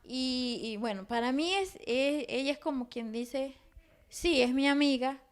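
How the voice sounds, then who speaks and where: Woman, 30s, interview guest; slightly high voice, halting, rambling storytelling. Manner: rambling, many restarts and fillers. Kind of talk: personal testimony in conversation.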